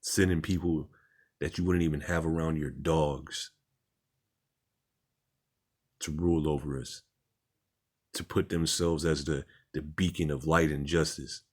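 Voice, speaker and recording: A man's voice: a bass voice, steady tone, a little slow, long pauses, darkish tone. A man reading articles aloud and commenting on them in an informal, repetitive, plain-spoken way, as a religious commentator.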